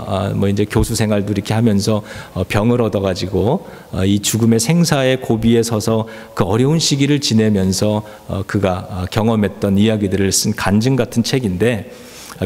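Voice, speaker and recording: Man, pastor, sermon, earnest storytelling, frequent uh pauses, long church reverb. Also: fairly low pitch, darkish tone. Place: church sanctuary.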